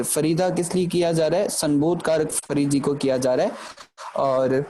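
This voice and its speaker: Male lecturer, slightly high and warm, patient and explanatory, faint background hiss. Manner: patient, often checks in with the listener; recites verse lines slowly for emphasis. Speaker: Gurbani grammar teacher.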